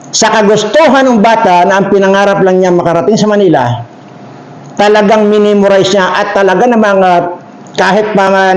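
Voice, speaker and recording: A man hosting his channel, telling a joke story in a rambling way with many fillers. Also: sits high. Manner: rambling, filler-heavy, chuckling. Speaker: channel host. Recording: echoey room.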